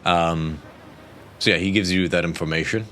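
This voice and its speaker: A man's voice: sits low, moderate pace, bright, forceful tone, slight background noise. A man narrating as game master, jokey and hesitant, with many fillers.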